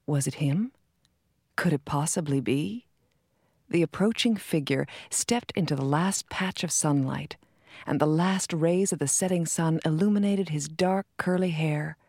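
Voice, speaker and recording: Woman narrator, low voice, measured story reading, dry studio sound. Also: mellow, dry recording. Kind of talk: scripted narration of a short story.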